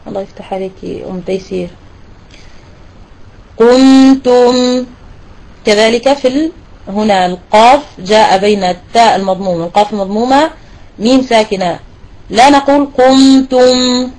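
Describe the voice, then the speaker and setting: A woman teaching a tajweed lesson to women students, explaining step by step and slowly repeating words to demonstrate pronunciation. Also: mid-range voice, darkish tone, poor audio. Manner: praises and questions students. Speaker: Quran recitation teacher.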